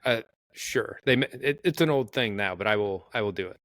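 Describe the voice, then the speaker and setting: A man co-hosting a sports podcast in casual chat, wry and teasing with quick deadpan asides. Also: lowish voice, dry recording. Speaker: podcast co-host.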